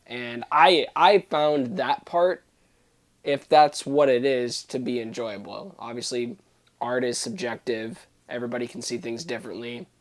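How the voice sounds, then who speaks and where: A man's voice: medium pitch, a little slow. A man co-hosting a casual film talk show, sharing his take in an easygoing, thoughtful way. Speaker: podcast co-host.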